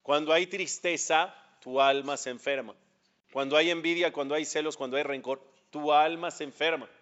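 A man's voice: on the high side, steady tone, moderate pace, a bit bright, muffled recording. Emphatic Mexican man lecturing. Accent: Mexican Spanish. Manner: asks the audience questions, rises to emphatic peaks. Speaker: rabbi. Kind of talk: religious lecture.

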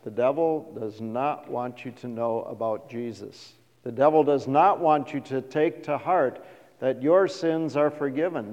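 A middle-aged man preaching a sermon as a pastor, animated and asking the congregation questions. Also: mid-range voice, dull audio. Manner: animated, acts out quoted voices, asks the congregation questions. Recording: reverberant hall.

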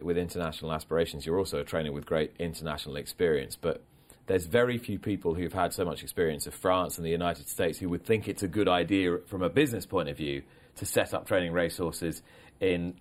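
A man interviewing a horse trainer, asking articulate, flattering questions. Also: deep voice, brisk.

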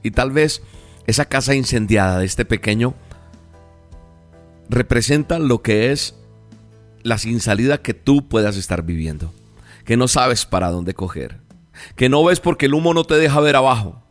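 A man preaching a devotional sermon, telling a story in an earnest, emphatic way with dramatic pauses. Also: mid-range voice, expressive, faint music behind.

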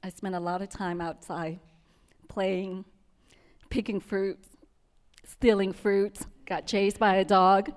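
A young woman from Vietnam with a Vietnamese accent, softly telling her personal story to an audience, with many pauses and restarts. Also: mid-range voice, level tone, in a large hall. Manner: soft-spoken, with frequent ums and restarts.

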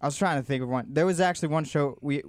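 A young man from Colombia, a guest musician, chatting easily in an interview with a smooth, resonant voice. He tells his stories loosely, full of "like" and small restarts, close to a dry mic. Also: on the high side, fast, no echo. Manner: relaxed storytelling with many "like" fillers. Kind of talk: casual interview chat.

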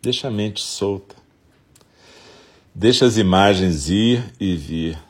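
A man with a Brazilian accent leads a guided compassion meditation in a soft, soothing, gentle way, leaving long pauses, with a breathy, husky voice. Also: on the low side. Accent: Brazilian Portuguese.

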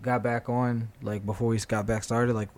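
Brief: young male co-host, blunt slangy chat, mid-pitched ordinary voice. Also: little pitch movement, darkish tone. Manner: blunt, slangy, quick to react. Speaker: podcast co-host. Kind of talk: casual chat.

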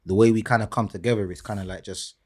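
A man with a London roadman accent and a slightly low, husky voice talks very quickly. His chat is casual and full of street slang, like a guest on a podcast. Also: steady tone. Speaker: podcast guest, a creator's manager.

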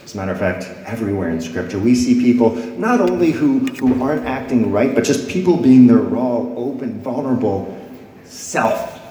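A pastor preaches a sermon to his congregation in a church sanctuary, reading scripture dramatically as his voice swells and falls. His voice is medium-pitched, animated and warm, at a normal speed, with a slight hiss or hum. The echoey hall adds a long reverb.

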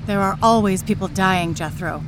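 A woman's voice: mid-range voice, normal speed, noisy background, lightly acted. An actress playing a sassy, cynical woman driver in a period radio drama, wry and sardonic.

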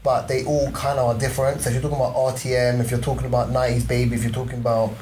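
A man's voice: medium pitch, little pitch movement, very fast, a little mellow, slight background noise. A man chatting casually on a podcast, slangy and explanatory, reeling off examples. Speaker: podcast panellist.

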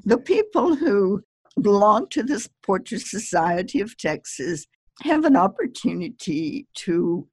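Guest poet, woman, husky voice, unhurried delivery, dry close sound. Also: medium pitch, very animated, dry recording. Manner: slow, measured and chatty, with small laughs. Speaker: poet giving advice, podcast guest. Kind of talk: relaxed conversational advice.

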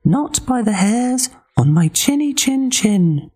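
Storybook hero: a tiny pig voice, very high and piping, cheeky and smug, slow delivery. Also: male voice, very animated, darkish tone, full character voice. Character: clever little male pig, cheeky and sure of himself.

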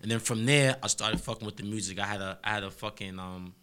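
A young man with a New York accent talks through his past in a relaxed, slangy way, leaning on "you know what I mean" again and again. His voice sits fairly low but has a forceful, bright edge. It sounds like an easygoing podcast interview. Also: fast talker, smooth. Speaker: rapper guest.

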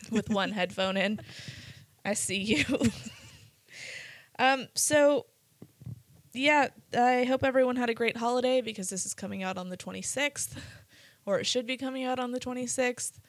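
A woman's voice: fairly high pitch, steady tone, a little slow, no echo. A woman hosting a casual chat podcast, telling stories with a giggly, sarcastic, swearing manner. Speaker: podcast host.

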